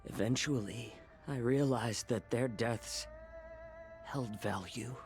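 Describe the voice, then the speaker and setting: An actor playing a calm, weary fox healer in a video game, speaking slowly and reflectively. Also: male voice, mid-range voice, faint music behind. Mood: brooding. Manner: slow, quiet, reflective.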